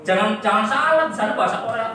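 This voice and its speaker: Woman teacher, bright voice, echoey classroom recorded from far off. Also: a little high, animated, fast, slight background noise. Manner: quizzes and coaxes the class with repeated questions. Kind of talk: classroom lesson.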